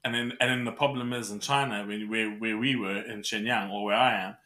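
A man co-hosting a podcast, telling stories in casual chat, animated and stumbling over his words. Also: fairly low pitch, fairly quick. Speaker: podcast co-host.

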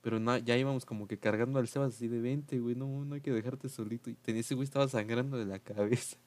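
A man's voice: medium pitch, steady tone, quick pace, a little mellow. A young man with a Mexican Spanish accent, hosting a podcast and telling a story in slangy casual chat, acting out quotes in raised voices.

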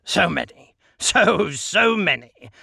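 A man voicing a mischievous, flippant male sorcerer with a thin, high, lively voice and a sarcastic manner. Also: slow pace, creaky, slightly rough, dry recording, studio quality, full character voice. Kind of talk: audiobook character voice.

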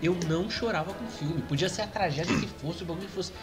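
A Brazilian man in casual podcast chat, expressive and slangy, speaking straight to the listeners. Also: high voice, fast, music in the background. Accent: Brazilian Portuguese.

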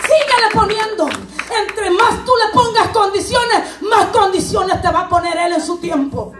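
A woman preaches with a very high, animated voice, slipping into acted dialogue and frequent laughter. She is recorded from a distance in an echoey church sanctuary, with the congregation audible around her. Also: measured pace. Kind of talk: lively Pentecostal sermon. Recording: echoey church from far off with crowd.

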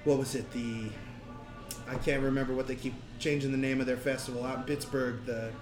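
A man's voice: medium pitch, flat delivery, brisk. A man hosting a casual podcast recorded on location at a brewery. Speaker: podcast host. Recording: echoey on-location room, music behind.

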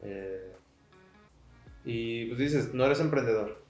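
Speaking slowly with a roomy sound, a podcast host in his twenties from Sinaloa chats in a relaxed manner, his medium-pitched voice carrying a Mexican Spanish accent. He leans on lots of fillers such as "pues," while faint music and a bit of outside noise can be heard.

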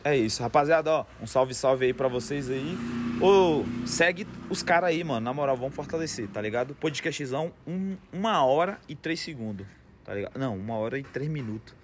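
A man's voice: medium pitch, lively intonation, fairly quick, a little hiss or hum. A man with a Brazilian accent hosting a podcast, chatting casually and peppering his talk with slang tags. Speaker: podcast host. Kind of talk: casual slangy chat and sign-off. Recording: music playing behind the voice.

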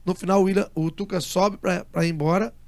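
A man speaks very quickly in a slightly high, gravelly voice. He is a guest in an interview, telling a long story with lively energy and acting out each quoted line in turn. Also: no room sound. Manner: animated storyteller who acts out quoted dialogue. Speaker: interview guest, music producer.

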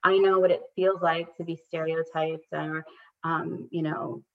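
On a dull, lo-fi recording, a low-pitched woman talks a little slowly with a flat delivery. She's a coach appearing as a podcast guest, earnest and thoughtful, often using fillers and restarting her sentences.

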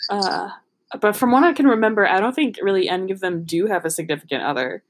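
A woman's voice: medium pitch, fast. A woman reading a novel aloud in an amateur, casual way, giggly and breaking off to joke and comment. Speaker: podcast host reading a book aloud.

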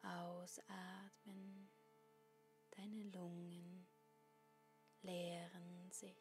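A woman guiding a breathing meditation in a soft, breathy, half-whispered spa voice, giving calm instructions with long pauses. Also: lowish voice, soft background music.

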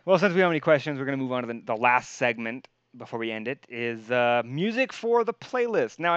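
Male podcast host, casual rambling chat, smooth resonant voice, slightly muffled dry sound. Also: medium pitch, a bit bright, no echo. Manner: rambling, laughing, swears casually.

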